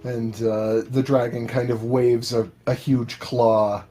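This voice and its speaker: A man narrating a tabletop game as game master, improvising the story in a halting, measured way. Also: mid-range voice, flat delivery, dark tone. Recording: faint background music.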